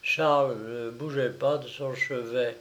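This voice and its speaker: A man narrating a novel aloud in a slow, grave, expressive reading. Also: medium pitch, rough recording.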